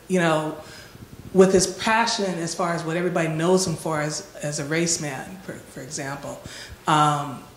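A woman's voice: sits low, a little hiss or hum. A woman speaking on a panel discussion, thoughtful and searching for her words. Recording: echoey hall with faint ambience.

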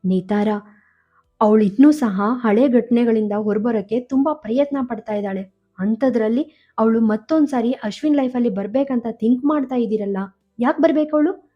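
A woman voicing a stern young man who speaks in a gruff, clipped way in an audio story. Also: on the high side, moderate pace, muffled recording, close to an everyday voice. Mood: cold.

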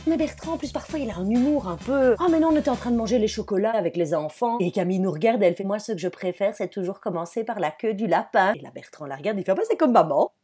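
A woman's voice: mid-range voice, fast talker, hardly any pauses, husky, soft background music. A middle-aged woman from Belgium delivering a comic monologue to a therapist about her family, acting out each of their voices. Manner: animated storyteller acting out family members' voices. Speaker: comedian telling stories of family life.

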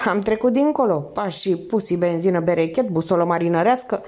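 Woman doing a desperate crook guy on the run, talks fast and slangy, mellow tone. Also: fairly low pitch, lively intonation. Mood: urgent. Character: desperate male con man on the run.

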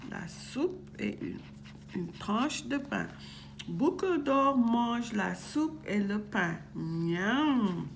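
Woman teacher, read-aloud storytime, unhurried, repeats and corrects words. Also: fairly high pitch, vocal fry, slight background noise. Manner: slow, expressive with stops and self-corrections. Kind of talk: reading a picture book aloud.

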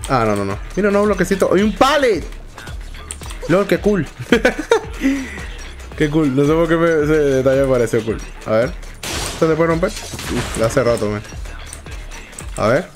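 A young man giving excitable let's play commentary, swearing often and talking to himself. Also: fairly high pitch, moderate pace, pauses often, faint music behind. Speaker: gaming YouTuber.

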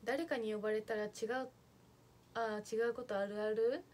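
A woman's voice: on the high side, fairly even intonation, moderate pace, a little mellow. A young woman chatting casually on a livestream, reading out viewer comments and thanking them as she goes. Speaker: idol livestreamer.

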